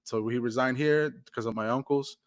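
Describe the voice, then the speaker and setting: A young Mexican man co-hosts a podcast, speaking at a moderate pace with a medium-pitched voice. The chat is loose and laid-back, rambling along with lots of fillers. It's recorded clean in a studio with no room sound.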